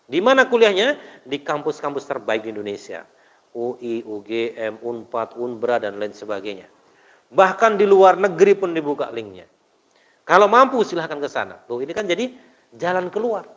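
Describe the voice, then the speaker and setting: A man preaching to a mosque congregation, telling stories and throwing rhetorical questions at the listeners. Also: mid-range voice. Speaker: Islamic preacher. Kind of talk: mosque study sermon. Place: mosque hall. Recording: dull, long hall reverb.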